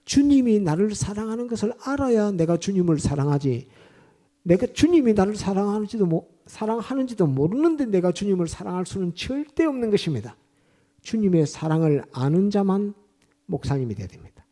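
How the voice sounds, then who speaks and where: Man, pastor's sermon, very dark mellow tone, fairly high voice, emphatic storytelling. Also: animated, a little fast. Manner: emphatic, retells scripture scenes with vivid storytelling and repeated points. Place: church.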